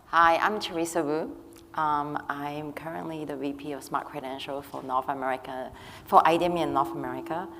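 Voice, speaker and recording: A woman speaking on a conference panel, hoarse after losing her voice, earnest and restarting often. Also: sits low, fairly even intonation, fairly quick, fairly bright tone. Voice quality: husky, strained. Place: conference luncheon hall. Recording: reverberant hall, faint room noise.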